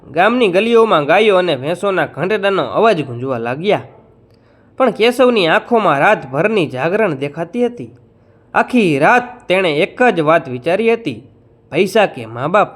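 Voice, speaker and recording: A man narrating a scripted, emotional moral folk tale in an expressive storytelling manner. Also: sits high, measured pace.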